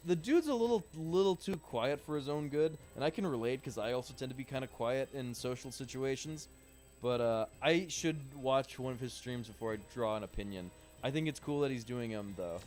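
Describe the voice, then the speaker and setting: A man's voice: mid-range voice, darkish tone. A man casually commentating while he plays a shooter game, swearing freely and chatting with his viewers. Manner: swears freely, chats loosely while playing. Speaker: game streamer. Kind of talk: casual let's-play commentary.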